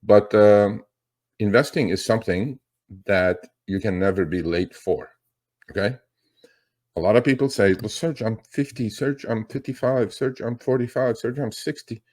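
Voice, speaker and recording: A man's voice: fairly low pitch, moderate pace, a little mellow. A middle-aged man hosting a finance show, talking casually and rambling, with many fillers and restarts. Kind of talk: casual market commentary.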